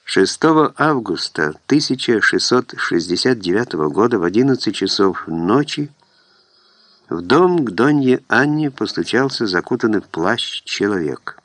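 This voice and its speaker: A man narrates a historical novel as an audiobook reader in a measured, even storytelling manner. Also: fairly low pitch, no echo. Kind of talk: scripted narration.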